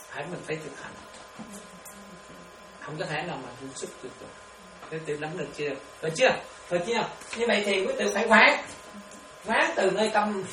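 Woman, Buddhist nun giving a meditation talk, very animated pitch, distant echoey noisy room recording. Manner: lively, laughs often, keeps checking understanding with questions. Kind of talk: dharma talk to students.

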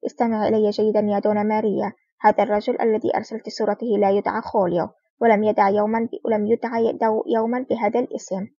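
A woman reads a worried male mafia boss issuing urgent warnings. The pace is brisk and the voice a bit raspy. The sound is dull and lo-fi. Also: mid-range voice, little pitch movement, dry recording. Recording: dull lo-fi recording.

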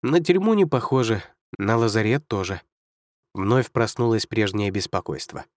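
Male narrator for an audiobook, steady and measured, dry studio sound. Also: fairly low pitch, no echo. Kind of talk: scripted narration.

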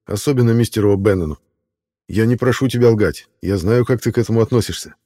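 Composed surgeon figure, read by a deep-voiced male narrator, firm and slightly raised. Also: fast talker, mellow, lightly acted. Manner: firm, reasoning. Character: calm doctor, surgeon, measured adult man.

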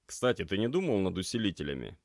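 A man's voice: sits low, big pitch swings, fast, creaky, no room sound, studio quality, exaggerated voice. A man voicing a tired, grumpy young male paramedic trainee who talks in a weary, grumbling way.

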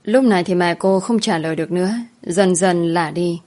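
A woman narrating a spoken story in a soft, even storytelling manner. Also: on the low side, normal speed. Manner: soft, even storytelling, voicing every character herself. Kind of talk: storytelling narration with acted dialogue.

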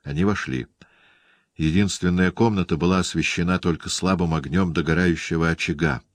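A man narrating an audiobook in a measured, even reading style, recorded on a close studio mic. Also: low voice, no echo.

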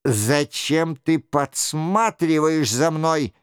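A stern interrogator with a low, muffled voice fires cold, clipped questions, as a male audiobook reader puts him on. The delivery is very slow and smooth, in a dry, close studio sound. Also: dry recording. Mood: menacing. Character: stern menacing male lawyer interrogating at swordpoint. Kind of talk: audiobook character reading.

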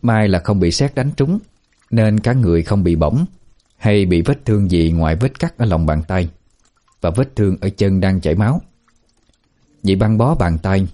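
A man reading a ghost story aloud as a storyteller, in an even, unhurried narration. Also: low voice. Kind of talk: scripted horror narration.

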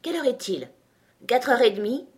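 A woman's voice: a little high, expressive, normal speed, voice pushed up, close to an everyday voice. Bonnet Blanc, a woman doing a blustering twin. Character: boastful quarrelsome twin brother, Bonnet Blanc.

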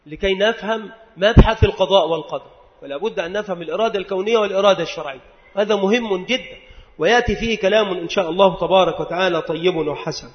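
A man with a fairly high voice teaches a lesson on creed and grammar. He explains point by point and poses questions that he answers himself. The recording sounds dull and lo-fi, and his voice rings with the long reverb of a large hall. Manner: recites quoted verses more slowly. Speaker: religious teacher.

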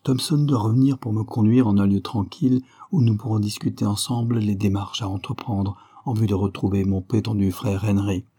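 A man playing a commanding male detective who gives crisp, urgent instructions in an audiobook. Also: fairly low pitch, steady tone, fairly quick, hardly any pauses, mellow.

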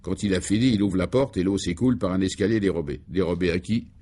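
A man playing an excitable, pompous male security chief in a radio serial, who talks in an emphatic, declamatory way. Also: deep voice, fast. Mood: indignant. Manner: agitated and exclamatory. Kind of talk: 1950s-style French radio serial acting.

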